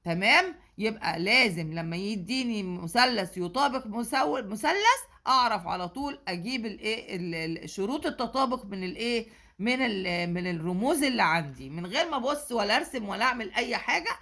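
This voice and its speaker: A woman's voice: mid-range voice, lively intonation, fairly quick, bright, forceful tone. Egyptian woman teaching geometry patiently. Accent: Egyptian Arabic. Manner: patient, asks "okay?" often. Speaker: math teacher. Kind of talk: explaining exam answers.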